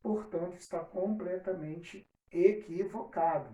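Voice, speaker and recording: A woman teaching a recorded lesson to children, patiently repeating example words slowly. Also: lowish voice, warm tone. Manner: addresses children directly. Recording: echoey room, voice from a distance.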